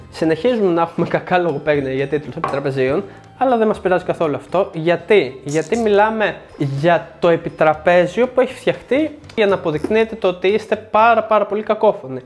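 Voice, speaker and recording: Man, young adult, show host, comedic scripted delivery, sarcastic, fairly high pitch. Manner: joking, sarcastic asides. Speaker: show host reviewing board games.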